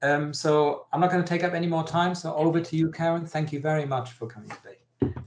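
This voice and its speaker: A man's voice: on the high side, fairly quick, darkish tone, a little hiss or hum. Man with a metallic, echoey call voice. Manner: hesitant, many ums and restarts. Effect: strange metallic sound over an online call. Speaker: webinar presenter. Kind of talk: online presentation. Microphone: video call.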